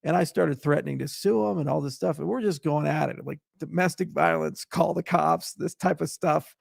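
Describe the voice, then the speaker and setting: A man's voice: fairly high pitch, normal speed, vocal fry, breathy edge, no room sound, clean studio sound. A middle-aged man hosting a casual livestream Q&A, telling a long anecdote with many fillers and restarts. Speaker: livestream host answering viewer questions.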